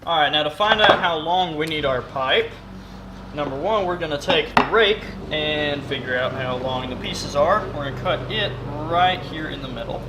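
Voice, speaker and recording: A man's voice: on the high side, heavy background noise. A man explaining a metal build in his workshop in a casual, chatty way, joking at his own expense. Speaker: maker and video host. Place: home workshop, not soundproof.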